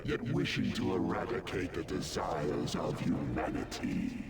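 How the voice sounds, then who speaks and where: Magically amplified godlike grail, very deep, gravelly, slow and sweeping in pitch. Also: male voice, expressive, exaggerated voice. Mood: scornful. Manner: grandiose, contemptuous pronouncements. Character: godlike male Holy Grail, scornful judge of humanity.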